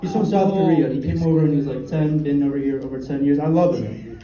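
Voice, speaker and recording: A young man doing a stand-up comedy set, with a dry, halting delivery and deadpan punchlines. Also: a little high, a loud crowd. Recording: roomy sound, mic at a distance, faint ambience.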